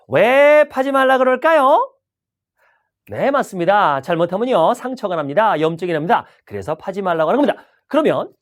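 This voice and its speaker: A man doing a booming subway peddler. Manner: booming sales pitch, rhetorical questions. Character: loud pushy male subway peddler hawking a gadget.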